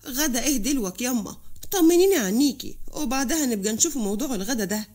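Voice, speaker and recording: A woman's voice: fairly high pitch, expressive, fast, darkish tone. A woman voicing an earnest Upper Egyptian young man. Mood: worried. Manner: reassuring, earnest.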